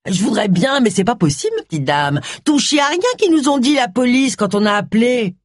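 A woman's voice: on the high side, lively intonation, a little fast, no echo, studio quality, pitched above the performer's own voice. A woman voicing a coarse, leering old man from a village in an audiobook. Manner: gruff, coarse country speech.

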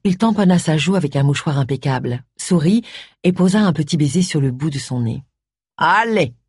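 An audiobook narrator reading a novel with an expressive, varied delivery. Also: medium pitch, fairly quick, husky, no echo, clean studio sound.

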